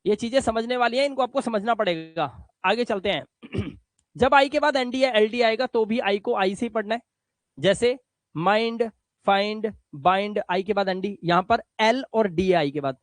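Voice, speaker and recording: Patient male tutor, high voice, slow clear word drills, dry close recording. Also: dry recording. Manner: patient, repeats words slowly with examples. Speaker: spoken English teacher. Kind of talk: classroom lesson on reading rules.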